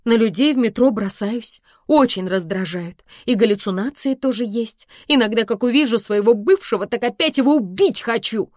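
A woman putting on a shrill, flustered housekeeper. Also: normal speed, hardly any pauses, darkish tone, dry recording, clean studio sound, close to an everyday voice. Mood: blunt. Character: flustered, chatty female housekeeper, middle-aged. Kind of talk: audiobook character voice.

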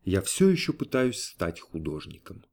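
A man reading a story aloud in a measured, even storytelling manner. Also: low-pitched, creaky. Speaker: audiobook reader. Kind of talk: scripted narration.

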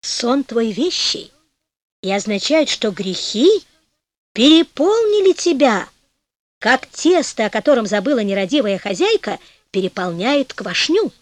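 Pompous gullible old priest, slow, solemn, reproachful, put on by a woman narrator. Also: fairly high pitch, very animated, no echo.

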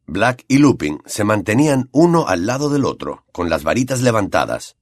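Male audiobook narrator with a Latin American accent, low and animated, dramatic delivery. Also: normal speed, no room sound, clean studio sound. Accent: Latin American Spanish. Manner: dramatic, expressive reading.

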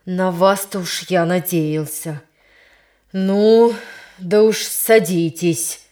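A woman's voice: medium pitch, animated, measured pace, lightly acted. Woman doing an exasperated stern male teacher. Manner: strict, scolding, formal. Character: stern middle-aged male teacher, kind but exasperated.

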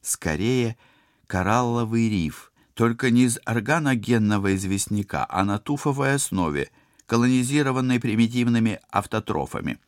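A man's voice: medium pitch, animated, moderate pace, dry recording, studio quality, voice pushed up, natural voice. A man voicing a scholarly young woman crew member who explains things precisely, in an audiobook. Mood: explaining. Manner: precise, lecturing.

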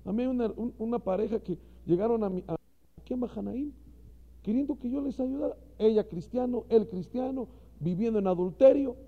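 Gravelly-voiced man preaching with passion. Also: extremely high pitch, a little fast, in a large hall. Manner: impassioned preaching, talks straight to the listener. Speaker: pastor. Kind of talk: sermon to ministers. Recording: dull lo-fi recording.

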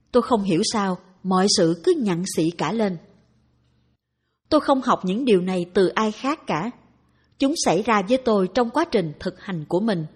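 A woman reading a dharma talk aloud in a calm, even narration. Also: medium pitch, breathy edge. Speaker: reader of dharma talks.

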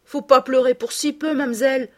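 A woman's voice: sits high, fairly even intonation, moderate pace, voice pushed up, lightly acted. A woman voicing a kindly rustic peasant boy with folksy country speech. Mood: consoling.

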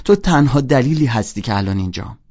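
Man doing a worked-up teen boy going off, husky, lo-fi sound. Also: medium pitch, lively intonation, a little mellow. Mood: agitated. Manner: heated, rising into rants. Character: restless teenage boy, bitter and agitated.

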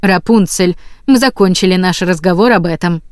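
A controlling storybook mother, as a woman narrator plays her speaks in a lowish voice. She is imperious and patronising, recorded close and dry. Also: measured pace, a little mellow, no echo, close to an everyday voice. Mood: impatient. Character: Mother Gothel, controlling, condescending middle-aged mother. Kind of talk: audiobook character voice.

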